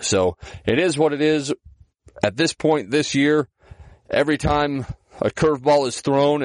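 A man's voice: mid-range voice, no room sound. A male podcast host and sportscaster from Minnesota, recorded inside a walk-in closet on a small digital recorder, giving candid, conversational updates. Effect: dry closet sound, muffled by clothes. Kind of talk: podcast intro monologue.

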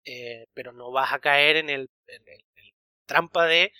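A man co-hosting a podcast, talking in an animated, opinionated way with frequent restarts. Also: mid-range voice, a little slow, clear, resonant tone, no echo. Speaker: podcast co-host. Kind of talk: casual conversation.

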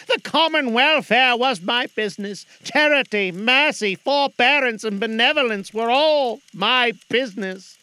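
A man's voice: extremely high pitch, pushed and bright, smooth, voice pushed up, full character voice. A man voicing a mournful, chained old male ghost who speaks in a solemn, declamatory way. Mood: lamenting.

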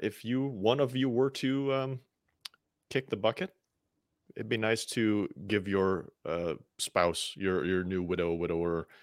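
A man's voice: low voice, no room sound, studio quality. A man co-hosting a podcast, chatting casually and in a laid-back way. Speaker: podcast co-host. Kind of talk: casual chat.

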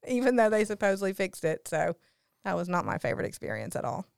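A woman's voice: medium pitch, very animated, fast talker, vocal fry, smooth, dry recording, studio quality. A woman hosting a podcast with casual, chatty talk. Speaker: podcast host. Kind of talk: casual podcast chat and introductions.

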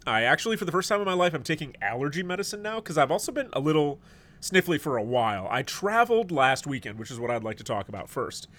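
A middle-aged American man hosts a podcast in casual chat, rambling and joking while sounding a bit stuffed up and sniffly. His voice is fairly high, fairly bright, very animated, and fast.

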